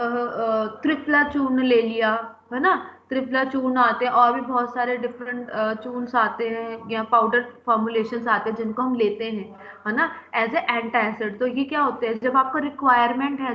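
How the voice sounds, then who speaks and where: A woman pharmacy lecturer with a high voice teaches a class step by step, often checking in with students by asking "है ना?" and mixing in English terms. The recording is reverberant and lo-fi, with slight background noise.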